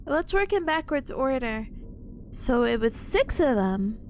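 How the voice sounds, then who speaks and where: A woman's voice: high-pitched, big pitch swings, a little slow, soft background music. A woman streaming a game and chatting to viewers in a cutesy, bubbly, playful way. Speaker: streamer, VTuber host.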